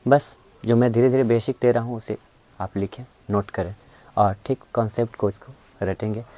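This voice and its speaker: Warm and fairly even in intonation, this man's mid-range voice moves at a normal speed as he teaches reasoning. Students sit before him while the session also streams online, and he nudges them along, often saying "है ना" and "ठीक है".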